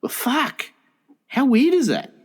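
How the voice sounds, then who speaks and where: A man's voice: very high voice, very animated, slow, husky. A man hosting a comedy podcast, talking in a crude, rambling way and laughing often. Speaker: podcast host. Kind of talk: casual comedy chat.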